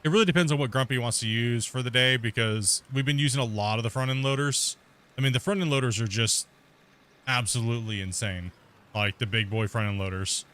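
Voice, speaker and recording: A man's voice: mid-range voice, a little fast, fairly bright tone. A man hosting a gaming channel, talking casually and rambling with lots of fillers while he plays a mining game. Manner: rambling and chatty, many fillers and restarts.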